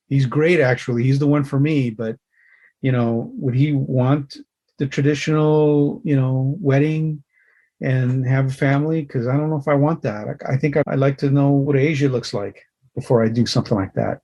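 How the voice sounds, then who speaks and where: A man's voice: mid-range voice, fairly even intonation, normal speed, mellow. A middle-aged man from Los Angeles, a concept artist guest in a casual interview, animatedly retelling a story and voicing his character's thoughts. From Los Angeles, USA.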